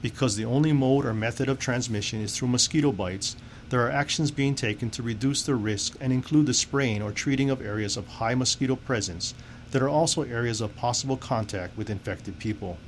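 A man reading a scripted public information announcement as a civil defense announcer, in a formal, measured way. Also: medium pitch. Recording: clearly noisy background.

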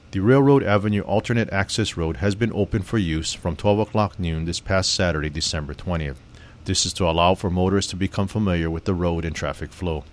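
Man, low voice, civil defense announcer, steady formal reading, scripted bulletin. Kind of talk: scripted public information bulletin.

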